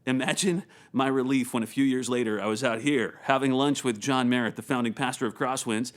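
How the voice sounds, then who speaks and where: A male pastor preaching a sermon in an animated storytelling manner, often repeating words as he goes. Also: mid-range voice, fairly quick.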